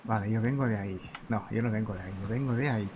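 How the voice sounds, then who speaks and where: Playing a video game as a let's play host, a man chats casually, musing aloud to himself with chatty asides. He has a lowish voice and talks fast, with background noise in the recording.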